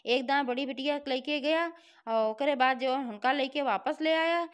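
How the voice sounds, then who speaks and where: A woman's voice: sits high, normal speed, lightly acted. A woman voicing a hot-tempered but helpless king in a devotional folk tale, scolding indignantly with a Bhojpuri-inflected accent. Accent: Bhojpuri-inflected Hindi.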